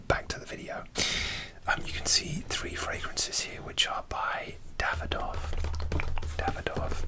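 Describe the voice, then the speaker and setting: A middle-aged ASMR creator speaking entirely in a breathy, unvoiced whisper, softly chatting in an informal way.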